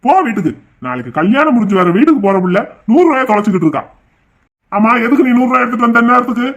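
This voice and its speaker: A man's voice: very high voice, sing-song, very fast, vocal fry, heavily acted. A man voicing a bossy, hot-tempered adult brother who scolds and threatens, in a cartoon. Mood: scolding. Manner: scolding, rude, shouting.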